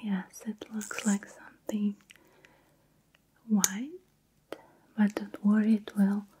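A woman in a whispered ASMR roleplay, talking softly and soothingly to the listener as she pampers them, with phrasing. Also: mid-range voice, level tone, background noise. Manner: soft, slow, soothing attention to the listener.

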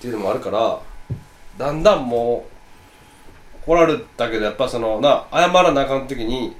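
A man with an Osaka Kansai accent, co-hosting a casual radio-style chat and telling stories in a blunt, lively way. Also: mid-range voice, moderate pace, reverberant. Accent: Osaka Kansai dialect. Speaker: co-host.

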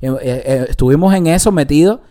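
A man's voice: on the high side, a little fast, dark tone. A Cuban man co-hosting a podcast in casual chat, laughing often and restarting his sentences. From Cuba. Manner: laughs often, says "acere" a lot, hesitant restarts. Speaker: podcast co-host.

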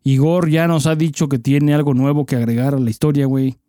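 A man's voice: mid-range voice, fairly even intonation, brisk, dark tone, no room sound, studio quality. A young Mexican man co-hosting a podcast, tacking slang onto nearly every phrase. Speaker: podcast co-host. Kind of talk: casual crude chat.

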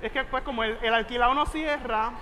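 A man with a Puerto Rican accent, a voice teacher giving a humorous motivational talk to teachers, animated and joking with sudden loud exclamations. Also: extremely high pitch, brisk, background noise. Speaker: voice teacher and keynote speaker. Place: large venue with a big audience of teachers.

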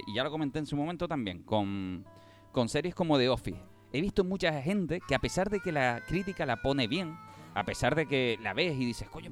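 Animated man chatting about series. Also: on the high side. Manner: animated storyteller, acts out quoted lines. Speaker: podcast host. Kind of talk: casual chat about streaming series.

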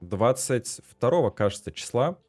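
A man from Russia hosting a podcast interview, chatting in a relaxed way with fillers. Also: medium pitch, moderate pace, faint music behind. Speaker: podcast host.

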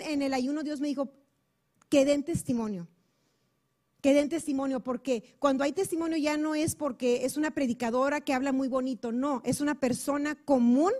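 A woman's voice: high voice, dark tone. A woman preaching to a women's group on a handheld mic, earnest and chatty, acting out little everyday dialogues. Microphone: handheld microphone.

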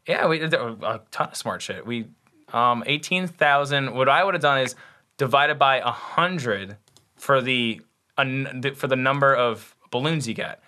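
A man's voice: mid-range voice, unhurried, sharp tone. A young man co-hosting a podcast, chatting casually in a rambling, playful way and often correcting himself. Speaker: podcast co-host. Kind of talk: casual chat.

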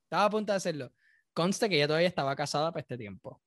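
A man's voice: a little high, lively intonation, racing, fairly bright tone, a little hiss or hum. A man with a Puerto Rican Spanish accent hosting a casual podcast, reacting loosely and profanely and laughing often. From Puerto Rico. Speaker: podcast host.

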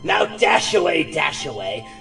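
A man voicing a cackling mad clown criminal with a gravelly, sing-song, theatrical voice in an audio drama. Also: a little high, big pitch swings, measured pace, exaggerated voice. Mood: gleeful. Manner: giggling, theatrical. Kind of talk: hobby audio drama acting. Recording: music bed behind the voice.

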